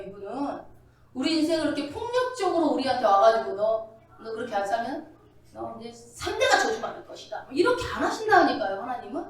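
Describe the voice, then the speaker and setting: A woman's voice: sits high, fairly bright tone. A woman pastor preaching a sermon in a church, asking the congregation questions. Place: church sanctuary. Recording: very echoey, distant from the mic.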